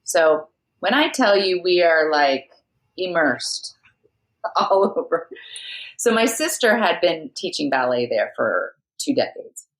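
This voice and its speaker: A woman guest on a podcast, telling a personal story in a lively, anecdotal way and laughing often. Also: on the low side, slow pace, rough recording. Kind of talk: storytelling in conversation.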